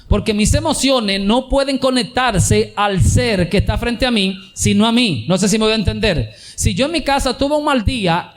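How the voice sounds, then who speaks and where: A pastor with a fairly high voice for a man delivers a sermon. He preaches emphatically, repeating phrases and asking rhetorical questions.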